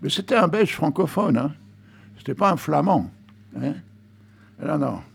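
A man's voice: fairly high pitch, animated, measured pace, gravelly, breathy edge. A man hosting a radio show, reading a poem aloud and breaking off into jokey, digressive asides full of tag questions. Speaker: radio host.

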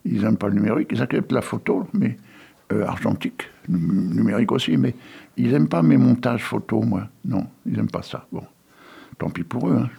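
A man with a gravelly, husky voice reads poems aloud and then chats casually about them. His tone is low, with a rough, grainy edge throughout. He keeps tossing in little tags and sometimes drops to a near-whisper. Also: animated, fairly quick, warm tone. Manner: chatty, sprinkles "hein", drops to near-whispers. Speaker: poetry reader and host.

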